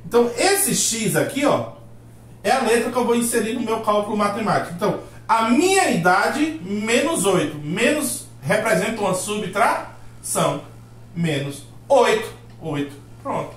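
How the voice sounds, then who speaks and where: A man's voice: high-pitched, sing-song, normal speed, a bit bright. A man teaching a math lesson, asking rhetorical questions and acting out his students' replies. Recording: roomy echo.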